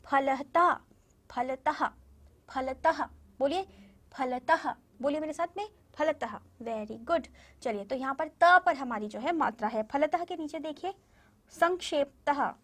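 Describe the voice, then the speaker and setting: A woman teaching a Hindi lesson to young children. She repeats each word slowly and keeps asking the class questions. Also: sits high, animated, a bit bright. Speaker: primary school Hindi teacher.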